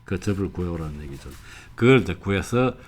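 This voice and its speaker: Older guy w a teaching a class, lowish voice, chatty, reads lines out w feeling. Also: expressive, a little fast, a little hiss or hum. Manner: conversational, tells anecdotes, reads quotes with feeling. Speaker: professor. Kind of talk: classroom lecture, reading passages aloud.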